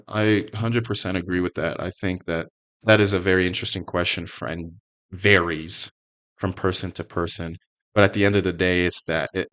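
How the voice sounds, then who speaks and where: A man hosting a podcast, speaking in a relaxed, conversational way. He reads listener questions aloud and adds his own thoughts. His voice sits somewhat low. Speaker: podcast host.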